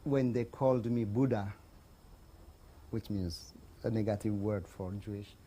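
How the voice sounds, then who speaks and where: A man from Ethiopia, a musician speaking in an interview in a relaxed, musing way. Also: on the low side, unhurried, a little hiss or hum. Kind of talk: interview, then singing. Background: guitar music.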